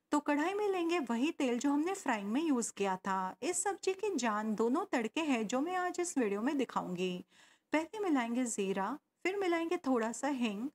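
A woman narrating a cooking video, explaining each step and adding tips. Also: high-pitched. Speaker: cooking channel host. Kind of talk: recipe voice-over narration.

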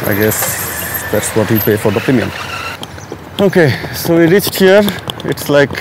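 A man's voice: mid-range voice, very animated, measured pace. A man on a travel vlog who explains each step of a train trip to viewers as he goes. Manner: strains and groans while lifting heavy bags. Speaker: travel vlogger. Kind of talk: casual travel vlog narration. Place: outdoors, in a car and at a train station. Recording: loud street and traffic noise.

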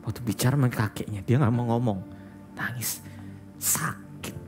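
A man's voice: medium pitch, steady tone, fast, warm tone, soft background music. A male pastor preaching a sermon, telling a story and often addressing the congregation directly, with English words mixed into his speech.

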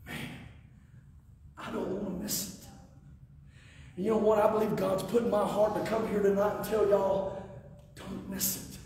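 A man, preaching a sermon as guest pastor, pacing and swinging from quiet asides to sudden shouts. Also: sits high, normal speed, pauses often, a little hiss or hum. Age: 50s. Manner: animated, paces the platform and gestures. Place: wood-panelled church sanctuary, indoors. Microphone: far camera, no visible mic. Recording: echoey church hall from far off.

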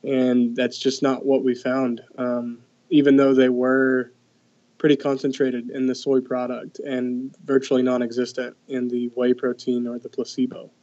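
A man's voice: medium pitch, monotone, normal speed, mellow, lo-fi sound. A young man, a researcher, explaining his study findings in casual talk, with many "um"s and restarts. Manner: hesitant, many fillers and restarts. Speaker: guest researcher. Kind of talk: conversational expert explanation.

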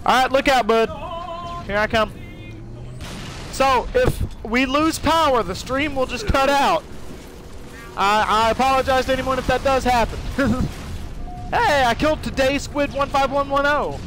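A man's voice: very high voice, slow, long pauses, over music. A young man live-streaming a shooter game, rambling casually, swearing and laughing as he plays. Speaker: gaming streamer. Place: home room during a thunderstorm.

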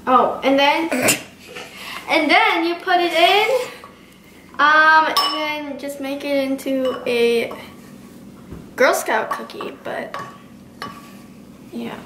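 Teen girl, high voice, chatty cooking demo, home kitchen, roomy sound. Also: extremely slow, pauses often, noisy background. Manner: chatty, explains steps with many "like" and "um". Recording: roomy kitchen with clattering dishes.

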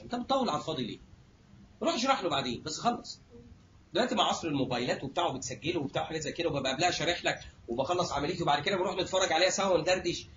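Egyptian male lecturer, quick and high, jokey, muffled recording. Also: a bit bright, slight background noise. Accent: Egyptian Arabic. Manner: jokey, acts out little scenes, addresses students directly. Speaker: surgery lecturer. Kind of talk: lively classroom lecture.

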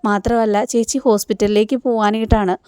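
A woman voicing a kind young male auto driver who asks gentle, concerned questions. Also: medium pitch, flat delivery, fast talker, smooth, no echo, studio quality, lightly acted.

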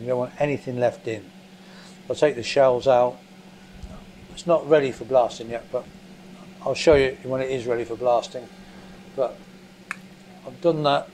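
An English man of middle pitch explains a motorcycle engine teardown step by step, thinking aloud as he goes. He is recorded on a camera mic above a basement workbench, with a faint extractor fan humming behind him. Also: a little mellow. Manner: plain, methodical, thinking aloud with fillers. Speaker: motorcycle mechanic presenter. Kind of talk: hands-on workshop demonstration. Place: basement workshop. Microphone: camera mic above the bench, hands only in frame. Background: extractor fan noise.

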